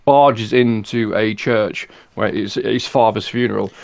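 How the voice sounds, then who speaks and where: A man from England co-hosting a film podcast, explaining things in a measured, restarting way. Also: on the low side, vocal fry, background noise. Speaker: podcast co-host. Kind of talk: casual chat.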